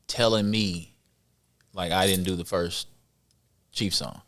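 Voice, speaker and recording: A guest musician with a low-sitting voice chats casually on a podcast at a slow pace. He's animated, repeats himself, and laughs often.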